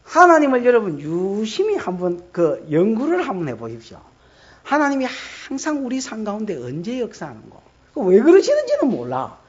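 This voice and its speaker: A male pastor with a strong Gyeongsang accent delivers a sermon full of acted-out dialect voices. His pitch swings widely as he moves from shouts to mutters. The recording is dull and muffled. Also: wildly swooping pitch, normal speed, husky. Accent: Gyeongsang Korean.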